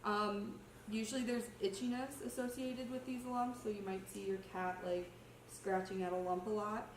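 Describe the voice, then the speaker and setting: A woman's voice: mid-range voice, fairly even intonation, normal speed. A young adult woman who is sick with a cough gives an informal slide presentation as a student, explaining casually and a little hesitantly. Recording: roomy, distant mic, faint noise.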